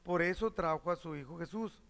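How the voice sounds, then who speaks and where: A man's voice: a little high, brisk, creaky, a bit bright, big-room sound. A man preaching a sermon as pastor, reading verses and explaining them, repeating key phrases to teach.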